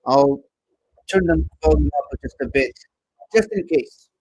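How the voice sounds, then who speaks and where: A man's voice: a little high, a little slow, a little mellow, husky. A young man giving casual, rambling, enthusiastic commentary while rewatching a movie, often correcting himself.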